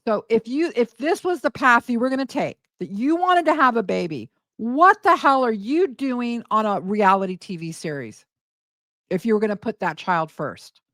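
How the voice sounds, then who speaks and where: A woman's voice: a little high, animated, moderate pace, fairly bright tone, no echo. A middle-aged woman hosting reaction commentary, sarcastic and scoffing as she argues back at a clip. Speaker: commentary channel host.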